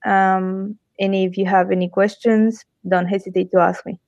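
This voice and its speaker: A woman's voice: mid-range voice, little pitch movement, moderate pace, vocal fry, a little mellow, no room sound. Woman from Mexico on a muffled call. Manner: brief, plain introduction. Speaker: student. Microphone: video call. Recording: dull lo-fi call audio.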